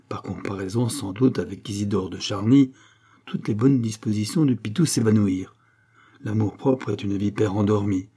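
Low husky male audiobook narrator. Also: dark tone. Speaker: audiobook reader. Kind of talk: scripted narration.

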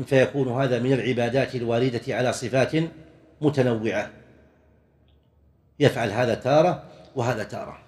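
A man teaching a religious lesson in a measured, explanatory way, pausing to demonstrate correct and wrong pronunciations and sometimes restarting a phrase. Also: medium pitch, darkish tone, long reverb tail. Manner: occasionally clears throat, restarts phrases. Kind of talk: classroom lecture on worship rules.

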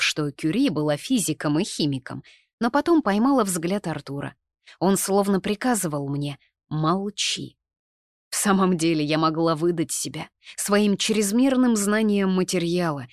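A woman reads a first-person story aloud in a calm, measured way. Her voice sits fairly low. The recording is dry and close, with no room sound. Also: dry recording. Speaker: narrator. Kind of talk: audiobook narration in first person.

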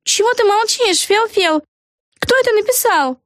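A woman voicing an excitable, chatty young girl witch in an audiobook, with a squeaky, wide-eyed, blurting way of talking. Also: moderate pace, dry recording, studio quality. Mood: chattering. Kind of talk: audiobook character voice.

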